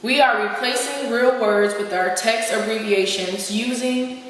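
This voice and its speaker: A woman's voice: on the high side, unhurried, lightly acted. A woman playing an indignant male philosopher in an amateur skit, talking in slang and ranting. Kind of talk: amateur skit role-play. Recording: echoey hall from far off.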